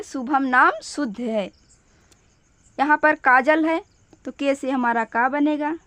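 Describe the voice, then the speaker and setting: Female teacher, high pitch, unhurried step-by-step delivery, patient and repetitive. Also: fairly bright tone, no room sound. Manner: patient, repeats each step slowly. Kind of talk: step-by-step spelling lesson.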